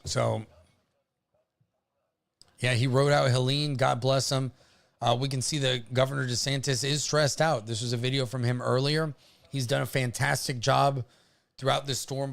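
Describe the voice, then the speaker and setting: A man hosting a livestream, giving casual storm commentary in an informal, halting way, often pausing to hesitate. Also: mid-range voice, gravelly. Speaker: livestream host covering a hurricane.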